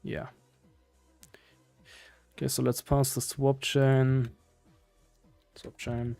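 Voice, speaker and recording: Slow-paced man with a German accent. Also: medium pitch, little pitch movement, gravelly, warm tone, no echo, soft background music. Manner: hesitant, thinking aloud in fragments. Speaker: live-streaming programmer. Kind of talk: casual live coding commentary.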